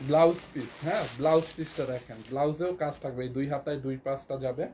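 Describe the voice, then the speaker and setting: A hoarse man with a Bangladeshi Bengali accent, selling clothes on a live stream and repeating prices again and again. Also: fairly high pitch, quick pace, mellow, slight background noise. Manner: repetitive, keeps repeating prices and urging viewers to buy. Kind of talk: live shopping sales pitch.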